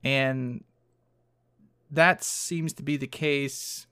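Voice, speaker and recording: A man with a smooth, resonant voice speaks in a casual academic conversation. His sound is close and dry, and he reasons carefully, often hedging his points. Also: mid-range voice, steady tone, drawn-out words, bright, forceful tone, no room sound.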